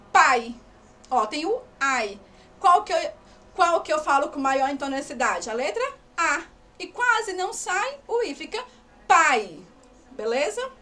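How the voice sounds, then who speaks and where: A woman's voice: high voice, fairly bright tone. A woman teacher giving a lesson, patiently checking in with her students and stretching out example words. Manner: asks the class questions. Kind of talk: recorded class lesson.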